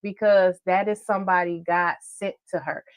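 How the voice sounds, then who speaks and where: Low-voiced woman, earnest and preachy. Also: fairly even intonation, a crowd in the background. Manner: earnest, preachy, drawn-out emphasis. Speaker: podcast co-host. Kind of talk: casual advice chat.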